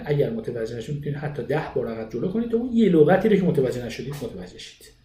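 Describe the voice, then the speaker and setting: A man teaching a language lesson, explaining study methods with lively, rising emphasis. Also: a little high, reverberant. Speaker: English teacher.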